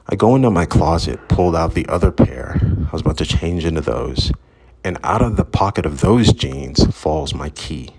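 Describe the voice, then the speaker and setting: A low-voiced man with a husky, grainy tone tells a personal story in a loose, rambling way. He is candid and swears freely, talking outdoors as if to a friend. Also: darkish tone. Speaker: vlogger. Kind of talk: casual storytelling. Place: outdoors at sunrise.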